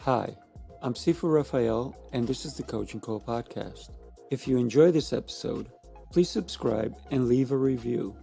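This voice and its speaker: A man hosts a podcast interview in a gravelly voice that rings with long reverb. He sounds enthusiastic and affirming, and he often trips over the first sounds of his words. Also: medium pitch, normal speed, dark tone, faint music behind. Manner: enthusiastic, affirming, stumbles on word starts. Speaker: podcast host, coach.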